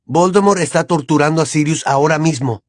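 A man voicing a stubborn, desperate teenage boy wizard who shouts in heated defiance. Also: fairly high pitch, quick pace, no echo, voice pushed up, close to an everyday voice. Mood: angry, insistent.

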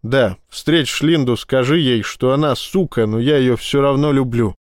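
Audiobook admiral, gruff and curt, read by a man; mid pitch, crisp. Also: moderate pace, no echo, studio quality, lightly acted. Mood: commanding. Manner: curt, commanding.

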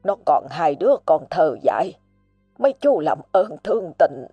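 A woman's voice: low-pitched, sing-song, normal speed, mellow, breathy edge, dry recording, highs cut off, faint music behind, full character voice. Woman doing a stammering, pleading poor old father.

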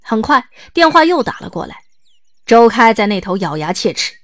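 A woman reading the narration of an audio drama in a smooth, lightly wry storytelling manner. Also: a little high, sing-song, moderate pace, fairly bright tone, dry recording.

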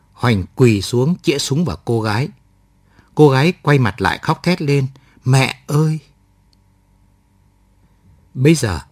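A man's voice: mid-range voice, dry recording, studio quality. A man narrating a first-person war story aloud in a reflective storytelling manner. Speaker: audiobook narrator.

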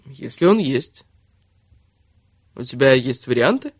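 A man voicing a blunt, exasperated young man in an audiobook, scolding and sometimes going cold and flat. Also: mid-range voice, takes it slowly, slightly rough, no room sound, studio quality, exaggerated voice. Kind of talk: audiobook character reading.

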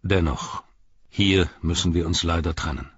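A man reading a story and voicing a weary, stern noble male ranger king in a grave, measured way. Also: low-pitched, husky, dry recording, highs cut off, exaggerated voice.

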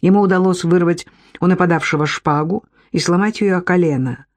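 A woman's voice: lowish voice, a little fast, a little mellow. A woman reading a novel aloud, narrating expressively and shifting her voice for the characters.

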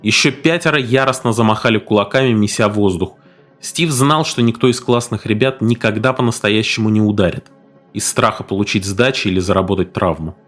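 A man narrating a story in an expressive, dramatic reading style. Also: lowish voice, a little fast, faint music behind. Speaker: audiobook narrator.

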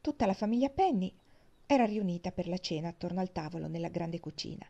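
Mellow-voiced woman reading a novel aloud. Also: lowish voice, animated, quick pace, vocal fry. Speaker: audiobook reader. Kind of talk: audiobook narration. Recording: dull lo-fi audiobook recording.

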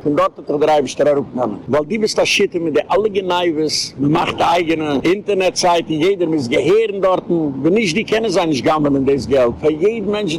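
A man's voice: on the high side, a little hiss or hum, low-quality recording. A man giving a rambling, meandering lecture, mixing in English words. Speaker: rabbi, activist speaker.

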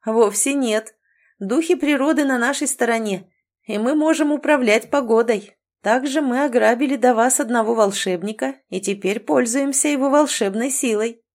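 A woman voicing a big, scarred male bandit who talks in a slow, sneering, taunting way. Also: fairly high pitch, darkish tone, voice pushed up, close to an everyday voice. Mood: mocking.

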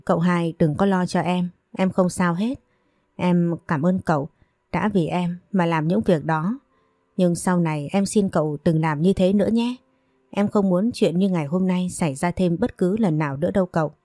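A woman voicing a meek, long-suffering young woman who pleads gently and humbly. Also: lowish voice, moderate pace, no room sound, clean studio sound.

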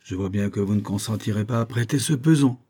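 A man voicing a patient male army captain who persuades calmly in a storybook reading. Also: lowish voice, brisk, breathy edge. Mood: persuasive. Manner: courteous, persuasive.

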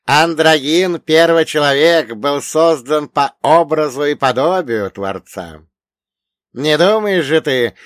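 A man's voice: mid-range voice, fairly bright tone, clear, resonant tone, dry recording, studio quality, voice pushed up. A man voicing a learned old dead grandfather who lectures with a mocking, grumbling manner.

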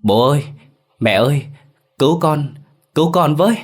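A man's voice: on the high side, animated, normal speed, soft background music, voice pushed up. Man voicing a screaming young captive. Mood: desperate. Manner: screaming, pleading. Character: panicked young man being beaten, begging.

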